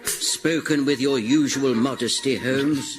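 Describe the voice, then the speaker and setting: A man's voice: mid-range voice, wildly swooping pitch, slow, music in the background. A man playing a bumbling, polite male doctor sidekick in a comic radio play.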